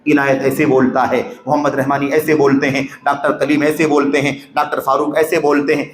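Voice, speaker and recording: A man preaching a sermon in a mosque, emphatic, with rhetorical questions and loud exclamations. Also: mid-range voice, level tone. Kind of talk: Urdu sermon lecture. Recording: echoey hall with faint ambience.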